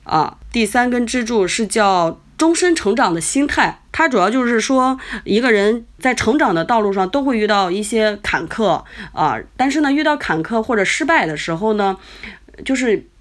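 A woman's voice: fairly high pitch, animated, normal speed. A woman in her thirties, a mother telling a story about raising her child in a chatty way, with many fillers and quoted dialogue. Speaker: mother sharing parenting experience. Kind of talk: casual storytelling.

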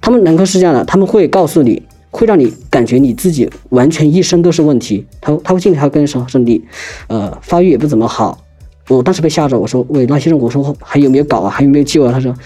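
A man's voice: a little high, dark tone, husky. A young man telling a personal story in a casual, rambling way, hesitating and restarting often.

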